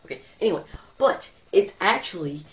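Teen male parody news anchor, bright forceful voice, rambling homemade delivery, echoey small room. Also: high voice, lively intonation, normal speed, gravelly. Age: teenager. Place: small bare room indoors. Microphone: handheld phone or webcam at arm's length.

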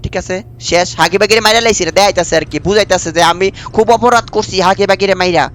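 চটপটে, উঁচু গলার বাংলাদেশি গেমার ছেলে. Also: male voice, high-pitched, brisk, fairly bright tone. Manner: chatty, addresses viewers as brother, repeats himself. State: sore throat from a cold. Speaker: gameplay streamer. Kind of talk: casual let's-play commentary.

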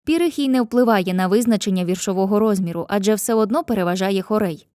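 A woman narrating a scripted lesson, speaking clearly to the viewer and chanting rhymes slowly. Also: medium pitch, mellow, no echo, studio quality. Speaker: teacher.

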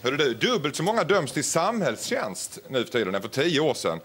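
A man's voice: a little high, sing-song. A man interviewing as a persistent, bemused straight man on a comedy stage, stammering as he repeats his questions. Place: comedy show stage before a live audience. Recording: loud audience laughter, noisy stage.

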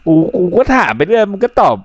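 A man's voice: sits high, very animated, fast talker, dull audio. A young adult man interviewing applicants in casual, crude banter, teasing and swearing freely. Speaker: streamer interviewing gang applicants.

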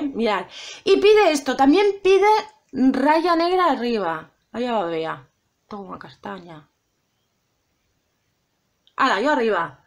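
A middle-aged woman with a Spanish accent from Spain, chatting to her viewers while doing her makeup, dramatic and talkative. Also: high-pitched. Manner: chatty, self-dramatizing, addresses viewers directly. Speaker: beauty vlogger. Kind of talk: casual makeup tutorial chat.

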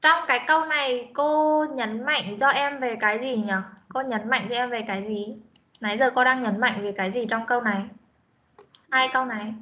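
A woman teaching an online English class, drilling pronunciation and repeating words slowly in a stern way. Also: a little high. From Vietnam. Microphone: video call. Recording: muffled online meeting audio.

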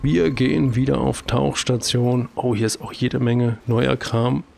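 A man's voice: medium pitch, fairly even intonation, measured pace, vocal fry, a little mellow. A man with a German accent giving casual commentary as he plays a video game, chatty and talking to himself with jokey exclamations. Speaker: let's play host.

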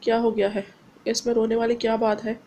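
A woman's voice: a little high, little pitch movement, a little fast, mellow, a little hiss or hum, close to an everyday voice. A woman voicing a loving young husband who soothes and teases his wife, read as part of a novel. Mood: soothing. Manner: soothing and playful.

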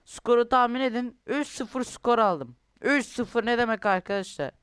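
A man's voice: very high voice, moderate pace, fairly bright tone, clear, resonant tone, no room sound, clean studio sound. A young man commentating his own football video game, ranting and complaining with lots of swearing. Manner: frustrated, swears often, rants and complains. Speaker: gaming youtuber.

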